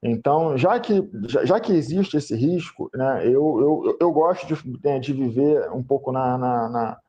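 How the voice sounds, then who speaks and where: A man's voice: mid-range voice, a little slow, dark tone. A man hosting a live panel on sales, explaining through long car and phone comparisons and repeating his key points. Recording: dull lo-fi stream audio.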